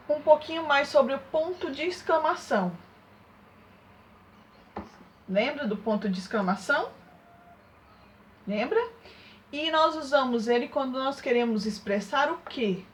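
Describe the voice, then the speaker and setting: Speaking high and expressively at normal speed, this primary school teacher leads a remote lesson for young kids with a coaxing, sing-song manner, frequent check-in questions, and loud, exaggerated sound demonstrations. There's a slight hiss or hum in the recording.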